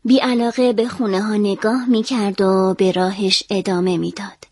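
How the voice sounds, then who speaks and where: A woman calmly and expressively reading a children's story aloud. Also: mid-range voice, no echo, clean studio sound, faint music behind.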